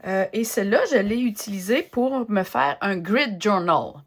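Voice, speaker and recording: A woman with a Québécois French accent chatting casually as she works in her art journal, thinking aloud with many pauses and fillers. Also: medium pitch, expressive. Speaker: craft vlogger. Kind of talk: casual chat while crafting.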